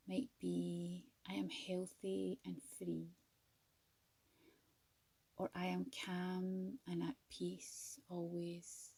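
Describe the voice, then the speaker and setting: This yoga nidra teacher's voice is on the low side: soft, husky and creaky as she slowly guides a meditation. Gentle and soothing, she pauses deliberately between phrases. The recording is rough, with no room sound.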